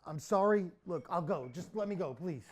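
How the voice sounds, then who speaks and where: A man's voice: sits high, lively intonation, moderate pace. A young man playing a cowardly, irresponsible slacker in a naturalistic comic drama, whiny and pleading as he babbles. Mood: terrified pleading.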